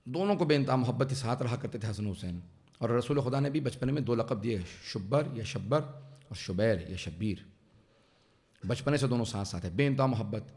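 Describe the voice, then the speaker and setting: A man's voice: mid-range voice, expressive, a little mellow. A man preaching a mourning sermon who tells the story to the gathering and builds into impassioned, tearful recitation. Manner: addresses the audience directly. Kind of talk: Urdu majlis sermon. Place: religious centre hall.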